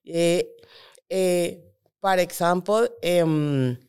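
A woman's voice: lowish voice, extremely slow, a little mellow, clean tone. A woman who is a native Spanish speaker, talking conversationally in French with a foreign Latin American accent, often searching for words. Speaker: interview guest, immigrant. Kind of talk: casual conversational interview.

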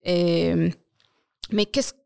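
A woman's voice: on the low side, steady tone, extremely slow, creaky, a little mellow, clean tone, no room sound, studio quality. A woman speaking as a podcast guest in casual conversation, hesitant and searching for words.

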